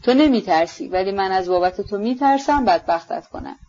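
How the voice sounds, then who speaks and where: A woman's voice: medium pitch, animated, warm tone, dull audio. A woman voicing a proud, bitter and reckless young woman with a scornful, mocking manner, in an audiobook. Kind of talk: audiobook character reading.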